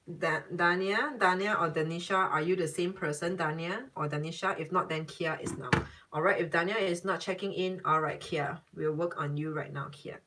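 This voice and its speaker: A woman's voice: lowish voice, steady tone, moderate pace, bright, forceful tone, distant mic, slight background noise. A woman giving a casual live-stream psychic reading to viewers. She talks in a chatty, emphatic way, repeats herself often and laughs now and then. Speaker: tarot and psychic reader answering live viewers.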